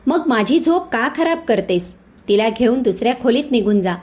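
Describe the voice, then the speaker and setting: A woman's voice: a little high, animated, normal speed, natural voice. An angry scolding young husband, as a woman reads him out. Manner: shouting, accusing.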